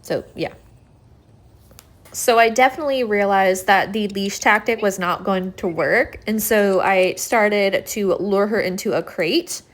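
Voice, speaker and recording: A woman's voice: medium pitch, measured pace. A woman speaking informally and conversationally, telling the story of her own animal rescue as a vlogger. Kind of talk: casual storytelling to camera.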